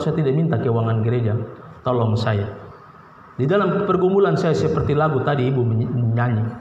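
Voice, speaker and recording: Impassioned Papuan pastor in echoing church. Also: male voice, slight background noise. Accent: Papuan Indonesian. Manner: impassioned, swinging from low pleading to sharp high outbursts. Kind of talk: sermon. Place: church hall. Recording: roomy, dull, reverberant church recording.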